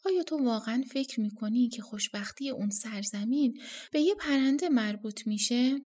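A woman's voice: on the high side, animated, a little mellow. A woman doing a stern old hermit sage. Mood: scolding. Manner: slow, scolding, weighty delivery.

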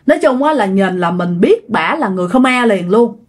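Speaking at a moderate pace in an animated, mid-range voice, a Southern Vietnamese woman chats her way through a ghost story, addressing her audience straight on.

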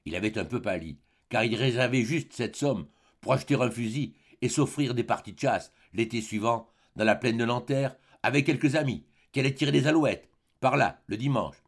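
A man reading a classic short story aloud in a measured, expressive style. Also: medium pitch. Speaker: audiobook reader. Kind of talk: literary narration.

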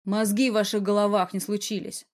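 A woman's voice: mid-range voice, moderate pace, darkish tone, lightly acted. A woman reading an audiobook and voicing a worried, hot-tempered young man who scolds sharply. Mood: scolding.

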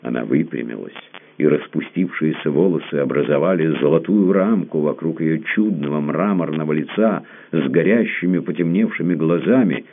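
A man narrating a literary audiobook in a dramatic, expressive reading. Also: rumbling low, moderate pace, gravelly. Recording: narrow phone-like band.

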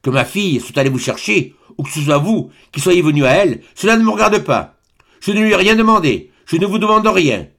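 Old aristocratic baron, stern and proud, imperious and indignant; male narrator puts him on, pitched up with a gravelly edge. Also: animated, moderate pace. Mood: thundering. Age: older.

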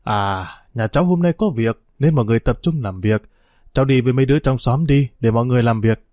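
A gentle uncle , voiced by a man, soothes and dodges in quick, low phrases. The voice stays plain and close in a dry recording. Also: no room sound, natural voice. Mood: evasive. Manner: evasive, soothing. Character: hesitant, gentle village uncle.

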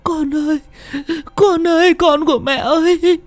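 A man's voice: very high voice, fairly even intonation, measured pace, dry recording, pitched above the performer's own voice. A man voicing a grief-stricken mother in her thirties, wailing and stammering.

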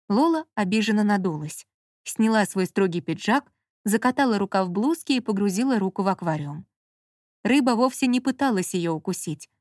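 Женщина ровно и размеренно читает аудиокнигу. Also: female voice, mid-range voice, a little mellow, no echo, clean studio sound. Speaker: narrator. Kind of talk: audiobook narration.

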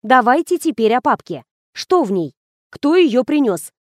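A woman's voice: high voice, big pitch swings, unhurried, dry recording, studio quality. A woman reading an audiobook, voicing a decisive, businesslike woman detective. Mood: firm. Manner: firm, businesslike. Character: decisive woman detective, the first-person narrator.

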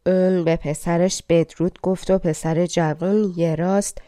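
Fairy tale audiobook narrator, woman, low mellow voice, dry close sound. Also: steady tone, no echo. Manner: measured, dramatic storytelling.

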